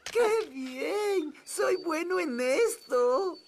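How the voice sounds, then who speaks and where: A woman voicing a dim, eager male bug sidekick in a dubbed children's cartoon, slow-witted and full of exclamations. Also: extremely high pitch, animated, gravelly, slight background noise, heavily acted. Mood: naive delight.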